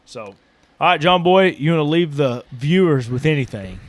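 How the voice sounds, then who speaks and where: A man's voice: on the high side, expressive, moderate pace, dry recording. A man hosting a casual podcast chat who talks hesitantly, stumbling and repeating his words as he questions his co-host, recorded in a small building.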